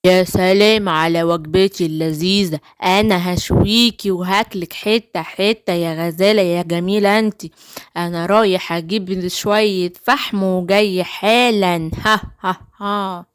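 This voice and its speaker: A woman doing a slow, low sly wolf villain. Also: fairly even intonation, clean tone, no room sound, close to an everyday voice. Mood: menacing. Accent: Egyptian. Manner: slow, menacing, gloating. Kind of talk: children's cartoon voice acting.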